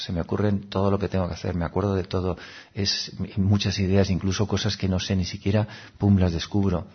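A man, giving a calm, reflective spiritual talk in an unhurried, musing way with frequent "no?" asides. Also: on the low side, husky, muffled recording. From Seville, Spain. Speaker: spiritual teacher.

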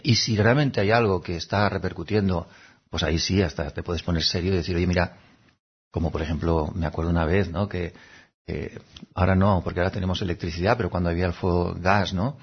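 A man giving a gentle, unhurried reflective talk, now and then slipping into little voices to act out examples. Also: sits low, steady tone, husky. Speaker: speaker giving a talk on habits. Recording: dull, lo-fi recording.

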